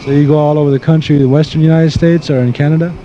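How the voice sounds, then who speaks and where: A man's voice: on the high side, fairly even intonation, very fast. A man asking short questions as an interviewer in a casual, conversational style. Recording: muffled outdoor recording, faint noise.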